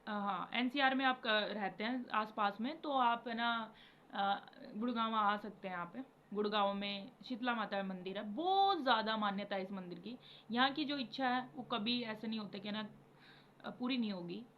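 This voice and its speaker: A tired young woman, a spiritual vlogger speaking from home at a moderate pace in a slightly high voice, rambles casually to her viewers about devotion. She mixes English words into her Hindi and occasionally chants repeated syllables. The lo-fi recording sounds dull, with faint background noise.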